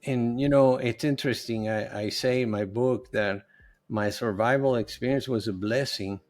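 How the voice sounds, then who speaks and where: Medium in pitch, with a darkish tone and normal speed, the voice belongs to a middle-aged man who grew up speaking Spanish. He's a podcast guest working as a nutritionist and health coach, talking earnestly and loosely in a conversational interview.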